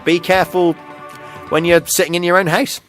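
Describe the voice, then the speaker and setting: A man with a fairly high voice reads offbeat news items on a radio show, breaking into chuckles and filling gaps with ums and uhs. Faint music plays behind him in the studio. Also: little pitch movement, normal speed, fairly bright tone. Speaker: radio show host reading a news feature. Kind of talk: casual news reading with banter.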